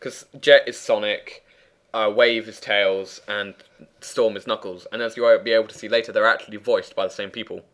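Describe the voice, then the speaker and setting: A man's voice: on the low side, steady tone, moderate pace, fairly bright tone. Chatty man doing casual game commentary. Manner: chatty, opinionated. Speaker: gaming commentator and player. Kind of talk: casual let's play commentary. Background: faint game music and sound.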